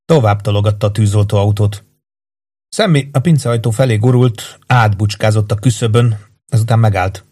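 A man reading a story aloud as an audiobook narrator, in calm, even storytelling. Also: on the low side, husky. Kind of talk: scripted narration.

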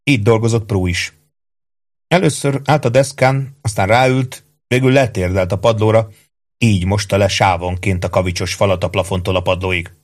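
A man reading a novel aloud in steady, even narration. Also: on the low side. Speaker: audiobook narrator. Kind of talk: scripted narration.

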